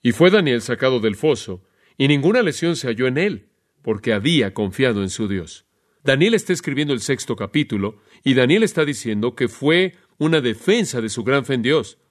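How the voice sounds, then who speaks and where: A man preaching an expository Bible sermon in a lively way, putting rhetorical questions to his listeners. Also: mid-range voice, moderate pace. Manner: animated, asks rhetorical questions.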